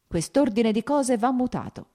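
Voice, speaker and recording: A woman voicing a bitter, ailing man who argues in agitated, shouting outbursts, read as an audiobook character. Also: on the high side, expressive, moderate pace, voice pushed up. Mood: heated.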